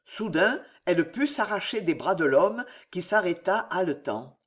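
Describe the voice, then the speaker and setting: Man reading an old novel aloud, high voice, slow and dramatic. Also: animated, a bit bright. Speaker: audiobook narrator. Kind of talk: literary audiobook reading.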